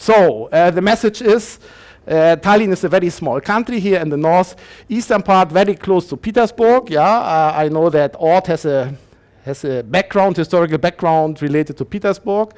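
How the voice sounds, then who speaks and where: A man around sixty lectures in English with a slightly raised pitch. He speaks haltingly, pausing on fillers and restarting his phrases as he explains. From Germany. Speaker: university lecturer. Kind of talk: conference lecture.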